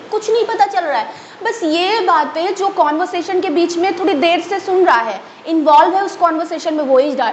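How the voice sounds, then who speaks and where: A woman teaching English grammar in a lively way, often checking that her students follow. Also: extremely high pitch. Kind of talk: explaining a grammar lesson. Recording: echoey room, faint ambient noise.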